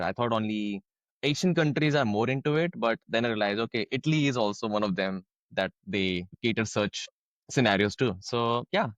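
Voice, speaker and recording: A man's voice: mid-range voice, dry recording. A young man from India hosting a podcast, chatting casually with many restarts and hesitations. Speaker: podcast host. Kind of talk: casual interview chat.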